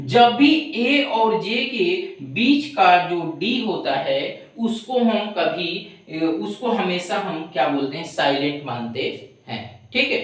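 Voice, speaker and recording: A woman's voice: on the low side, recorded from a distance. Woman teaching in a very echoey room. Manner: drills words slowly, often asks if students understand. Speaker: English teacher. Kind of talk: classroom-style tutorial.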